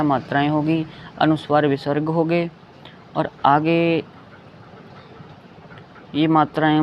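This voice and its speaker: A man teaching a lesson, patiently repeating each sound and often checking that listeners follow. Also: a little high. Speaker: Hindi teacher. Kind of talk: slow explanatory lesson. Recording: dull lo-fi recording with faint background noise.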